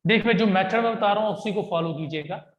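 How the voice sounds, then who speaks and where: A man's voice: high voice, quick pace, highs cut off, a little hiss or hum. A young man teaching a math lesson in a chatty way, often checking in with his students. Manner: chatty, repeats "ठीक है जी" and "भाई". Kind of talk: classroom-style math lesson. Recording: echoey room.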